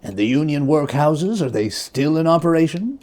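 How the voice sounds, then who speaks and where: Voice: mid-range voice, animated, moderate pace, darkish tone, natural voice. A reader acting a stern, bitter old miser, swooping scornfully. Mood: cold. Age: older.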